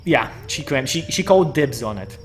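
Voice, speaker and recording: A man's voice: medium pitch, expressive, a little hiss or hum. A man hosting a tabletop game stream, chatting casually with his players and joking and laughing as he talks. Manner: laughing, joking, quick asides. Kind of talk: casual chat among players.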